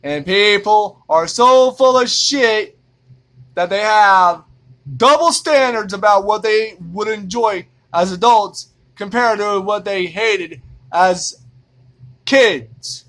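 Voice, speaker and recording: Guy from indiana venting to the camera, cussing a lot, kinda high voice, drags his words out slow. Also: fairly bright tone. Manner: profane, exasperated, repetitive. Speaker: vlogger. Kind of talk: ranting monologue to camera.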